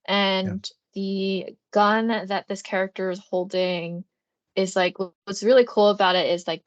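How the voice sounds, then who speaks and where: A woman's voice: lowish voice, no room sound. A woman co-hosting a casual video chat, talking loosely with many fillers. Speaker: co-host, comics sales.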